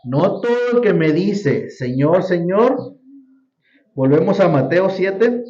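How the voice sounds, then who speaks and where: A man's voice: sits high, big pitch swings, takes it slowly, mellow. A man teaching a Sunday school Bible lesson to a congregation, often quizzing the class with questions. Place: church hall. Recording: roomy, dull lo-fi church recording.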